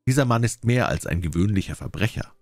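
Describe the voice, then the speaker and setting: A thoughtful detective speaking in a measured, dry way, as a man reads him in a story. The voice sits low and shifts freely in pitch. It sounds close and dry. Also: lively intonation, dry recording. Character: calm, thoughtful Scotland Yard detective, male. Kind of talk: audiobook character voice.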